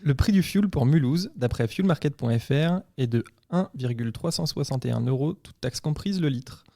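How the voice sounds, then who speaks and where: A man voicing a polite AI voice assistant in a half-robotic, even and courteous way, as a role-play in a podcast. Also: a little high, normal speed, vocal fry. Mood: polite, helpful.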